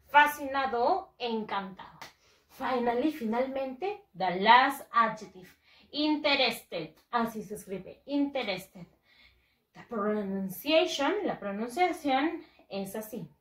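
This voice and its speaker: A woman teaching English to young learners, switching between English and as she goes. Her voice is bright and fairly high, and she speaks slowly, drawing out each word she wants the children to repeat. The recording carries a noticeable room echo. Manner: slow, drawn-out model pronunciations and spelled letters. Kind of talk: bilingual English lesson for children.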